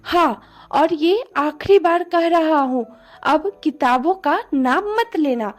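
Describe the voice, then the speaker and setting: A woman's voice: high-pitched, animated, takes it slowly, darkish tone, heavily acted. Woman doing a cold controlling young husband. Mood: stern. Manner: stern, dismissive.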